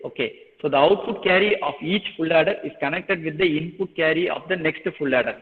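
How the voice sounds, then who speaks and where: A male engineering lecturer from Tamil Nadu, India, teaches an online class live, speaking rapidly in a slightly high voice with a Tamil accent. He explains repetitively, switches between Tamil and English, and often checks in with questions. The line is thin and phone-like, with a long hollow reverb.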